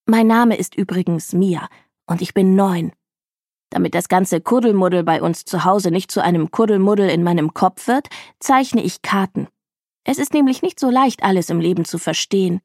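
A woman's voice: lowish voice, a little mellow, no room sound, studio quality. Woman reading a children's story aloud. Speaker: audiobook reader. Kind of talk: scripted first-person narration of a children's book.

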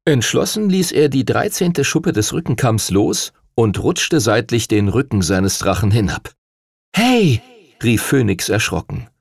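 Man, audiobook narrator, gravelly, lively intonation, dry close sound. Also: medium pitch, moderate pace, hardly any pauses, no room sound. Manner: expressive, dramatic.

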